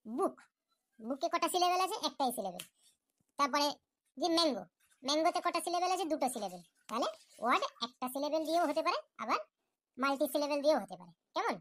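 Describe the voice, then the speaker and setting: A woman's voice: sits high, a bit bright, no echo. A woman voicing a patient female teacher in a cartoon lesson, explaining step by step and often checking that the class understands.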